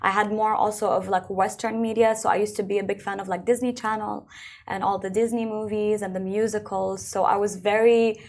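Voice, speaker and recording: A young adult woman who grew up in Belgium, a singer talking about her life in a relaxed, chatty interview, full of filler words. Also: medium pitch, a little fast. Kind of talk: casual interview conversation.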